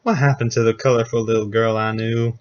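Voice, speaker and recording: A man's voice: mid-range voice, level tone, a little fast, slight background noise, close to an everyday voice. A man voicing a kindly, concerned older brother and teacher in a hammy, theatrical fan fiction reading. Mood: wistful. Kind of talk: mocking dramatic reading. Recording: dull lo-fi recording.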